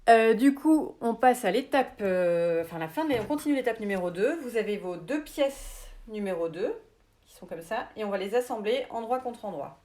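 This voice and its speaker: A woman's voice: on the high side, normal speed. Woman sewing instructor, English accent, casual filler-heavy delivery, echoey room. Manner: relaxed and chatty, many fillers. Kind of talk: live sewing tutorial.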